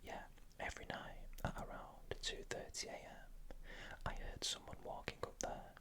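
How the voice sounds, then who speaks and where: A narrator telling scary first-person stories in an unvoiced, breathy ASMR whisper, with slow, deliberate phrasing. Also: bright, forceful tone.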